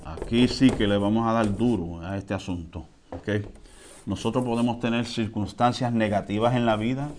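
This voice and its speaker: A man preaching a sermon in a conversational way, often checking in with the congregation and swinging between quiet and loud. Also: on the low side, normal speed, slight background noise. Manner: lively swings between soft and loud, with chuckles. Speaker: pastor.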